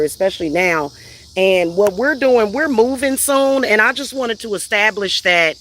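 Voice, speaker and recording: A woman speaks in a heated personal rant, hammering her points with repetition and swearing. Her voice sits at a middle pitch. Faint crickets and insects chirp behind her outdoors. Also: fairly bright tone, a little hiss or hum. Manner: emphatic, repetitive, profane. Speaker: vlogger and spiritual reader.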